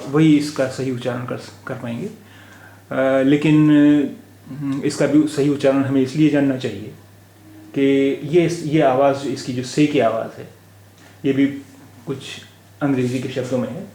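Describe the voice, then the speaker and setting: A man teaching letters and words in a slow spoken lesson, patiently repeating each sound aloud, with an Indian Hindi-Urdu accent. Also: mid-range voice, warm tone, a little hiss or hum. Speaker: language teacher. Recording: echoey room recording.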